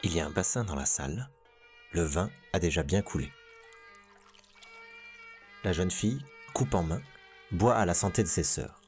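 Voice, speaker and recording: A man narrating a tale in a measured, expressive reading. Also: sits low, faint music behind. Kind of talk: storybook reading.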